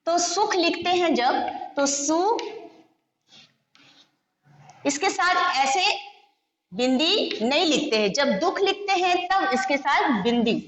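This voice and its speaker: A woman teacher giving a slow Hindi phonics lesson for young children. She stretches out and repeats each sound and mixes words into her explanations. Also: high-pitched, fairly bright tone. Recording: echoey room with long reverb.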